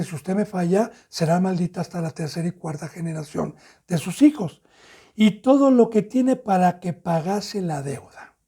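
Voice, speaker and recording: A man's voice: high-pitched, warm tone. A man with a Mexican Spanish accent, preaching a sermon as pastor and acting out the lines of the parable's characters.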